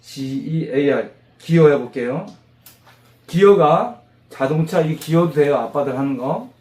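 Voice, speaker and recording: Animated man teaching vocabulary in class. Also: on the high side, a little slow. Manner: animated, quizzes the class, drills repetition. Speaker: pharmacist teaching English vocabulary. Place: classroom with a group of mothers. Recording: roomy classroom echo.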